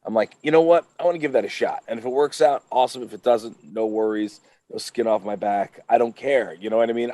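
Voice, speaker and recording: A man's voice: medium pitch, darkish tone, no echo. An upbeat man chatting as a podcast guest, emphatic and motivational in how he talks. His voice sits in a middle range and is heard dry and close, with no room sound. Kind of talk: casual podcast chat.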